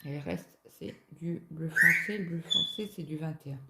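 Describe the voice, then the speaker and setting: A woman's voice: low voice, normal speed. A woman casually chatting while she cross-stitches at home, telling rambling stories full of fillers. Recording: echoey room with loud background noise.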